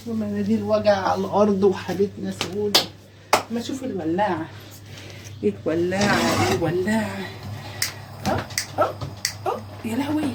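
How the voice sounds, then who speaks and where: A woman's voice: background noise, natural voice. A woman with an Egyptian accent playing a messy, self-mocking housewife in a comedy sketch, chatty and dramatic. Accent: Egyptian Arabic. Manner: chatty, dramatic, swings into shrill shrieking.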